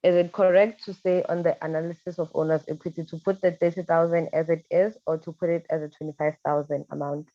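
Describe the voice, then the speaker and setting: Speaking quickly with few pauses, this woman has a low voice and a flat delivery. She's an accounting student asking her tutor tentative questions and often confirming she's followed along with a "right?", heard over dull, roomy online-call audio.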